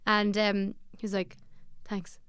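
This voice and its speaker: A woman with a west of Ireland accent, chatting casually and informally as an interview guest, telling stories in an animated way. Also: medium pitch, normal speed, clean tone. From Sligo, west of Ireland. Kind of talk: casual chat.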